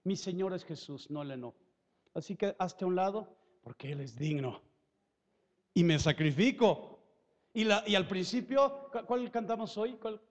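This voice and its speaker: A man preaches from a church hall, his high-pitched voice carried by a long reverb. He is emphatic and animated, breaking into joking asides and stumbling over repeated words. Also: normal speed, lo-fi sound. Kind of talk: lively sermon.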